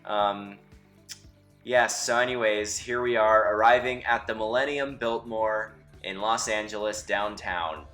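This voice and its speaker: A young man narrates a casual driving vlog from inside his car, chatty and wry, with faint music behind him. His voice is lowish, unhurried, bright and forceful, but a bit muffled because the camera mic sits away from him.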